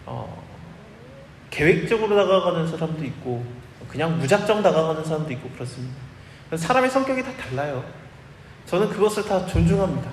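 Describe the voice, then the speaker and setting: A pastor delivering an expository sermon, lively and acting out the quoted dialogue himself, recorded live in a church. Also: male voice, high-pitched, reverberant, in a large hall, slight background noise. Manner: animated, acts out quoted dialogue.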